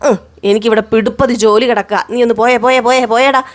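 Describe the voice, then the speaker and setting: A woman's voice: a little high, fairly even intonation, quick pace, natural voice. A woman voicing a teasing older woman of the house who toys with a young man and then shoos him away. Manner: teasing, shooing.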